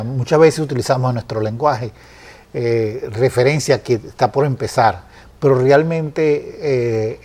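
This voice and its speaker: A man earnestly explaining Bible passages in a conversational study, often pausing with fillers and restarting phrases. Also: mid-range voice, warm tone. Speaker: Bible teacher.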